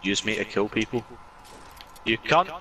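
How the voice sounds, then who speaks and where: A man's voice: on the low side, animated, unhurried, a bit bright, far from the mic, slight background noise, low-quality recording. A man joking casually with teammates on game voice chat, cheeky and insistent.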